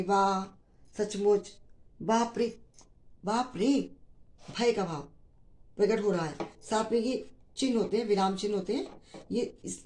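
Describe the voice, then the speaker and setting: A woman's voice: medium pitch, warm tone. A woman teaching a grammar lesson to school students, explaining patiently and repeating key phrases, with mixed in. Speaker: Hindi teacher.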